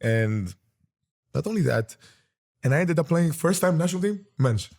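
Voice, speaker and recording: A man's voice: on the high side, lively intonation, moderate pace, creaky, darkish tone. A man from Greece hosting a casual interview, talking in rambling sentences that often restart. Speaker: podcast host.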